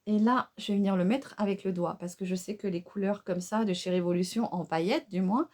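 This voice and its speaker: Woman, casual makeup tutorial, mellow warm voice, chatty, hesitant fillers, asks viewers for advice. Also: medium pitch, brisk. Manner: excited exclamations over the colors. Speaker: beauty vlogger.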